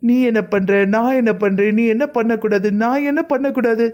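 A woman's voice: on the high side, brisk, a little mellow, natural voice. A performer voicing a young married woman, an elder sister, who complains hurt and pleading in a cartoon family drama. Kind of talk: cartoon voice acting.

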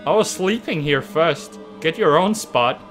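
A man streaming a horror game, chatting and cursing, yelping and shouting when startled. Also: on the high side, lively intonation, unhurried, soft background music. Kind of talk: gaming livestream commentary.

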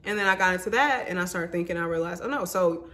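A woman's voice: on the low side, quick pace, a bit bright. Candid young woman vlogging her story. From Mississippi. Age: 20s. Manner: candid and emotional, says y'all and honey. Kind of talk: personal storytelling vlog.

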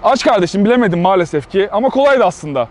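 Fast-talking, teasing young man outdoors. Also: sits high, expressive, slight background noise. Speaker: prank video host. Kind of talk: street prank banter. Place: outdoors in a city park.

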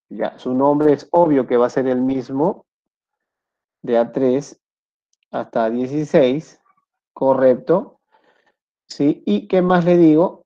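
A man's voice: on the high side, mellow. A man with a Peruvian Spanish accent teaching a recorded Excel lesson, often repeating points and checking in with "correcto". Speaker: Excel instructor. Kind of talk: screen-recorded software tutorial. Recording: dull lo-fi mic.

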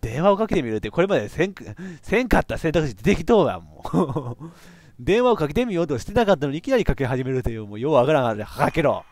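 A man with a giving excitable let's play commentary on a horror game, reacting loudly and laughing often. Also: on the high side, fast, no echo. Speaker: VTuber game streamer.

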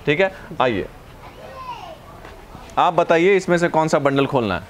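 A young man, a wholesale seller, gives a salesy pitch on a lapel mic in a large warehouse, urging viewers to look at the stock. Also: animated, unhurried, a little hiss or hum. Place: large clothing warehouse indoors. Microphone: clip-on lapel mic.

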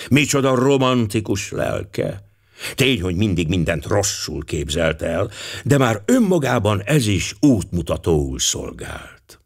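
Man voicing Hercule Poirot, a pompous detective. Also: lowish voice. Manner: pompous, musing, drops French words. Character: fussy, vain older male Belgian detective.

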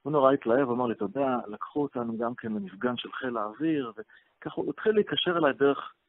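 A man, a rabbi and radio guest, telling a story from his past in an interview, halting with fillers as he goes. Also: medium pitch, lively intonation. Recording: phone-line radio call, dry.

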